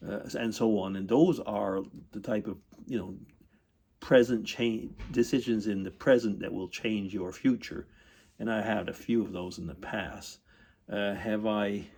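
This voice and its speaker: With a lowish voice and a darkish tone, an older retired man vlogs casually from his computer indoors, responding to tag questions. His speech is halting, peppered with ums and throat-clearing.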